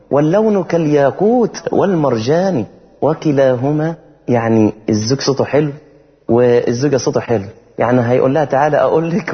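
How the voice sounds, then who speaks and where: A man preaching with an Egyptian Arabic accent, talking casually and lively, then slowing down to chant verses in a melodic tone. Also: mid-range voice. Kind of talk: sermon. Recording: dull sound with long hall reverb.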